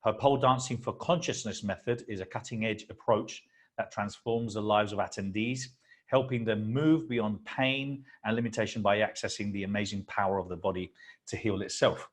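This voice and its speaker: A man's voice: on the low side, fairly even intonation, moderate pace. A man from Spain, hosting a stage interview in an effusive, eager way. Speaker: host and founder. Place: convention expo venue.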